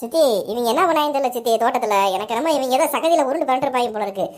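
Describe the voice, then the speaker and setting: A woman's voice: sits high, slight background noise, lightly acted. A woman voicing a bossy young boy in a cartoon who tattles to his aunt. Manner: rapid, bossy chatter.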